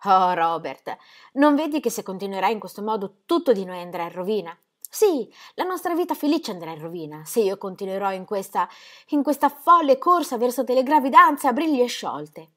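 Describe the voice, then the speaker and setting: A woman's voice: mid-range voice, big pitch swings, moderate pace, voice pushed up, natural voice. A woman reading the part of an anxious young pastor's wife who pleads and repeats herself breathlessly. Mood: pleading.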